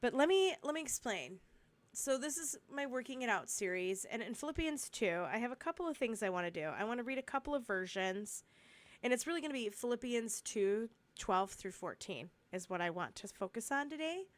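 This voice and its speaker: A woman's voice: a little high, lively intonation. Chatty woman with a cold. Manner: chatty, rambling, with frequent restarts and asides; reads scripture slowly and steadily. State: congested with a cold, coughing. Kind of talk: casual Bible study talk.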